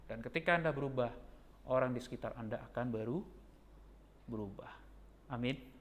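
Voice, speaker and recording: A man, a pastor preaching a sermon with lively storytelling that jumps to a high, excited pitch. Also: normal speed.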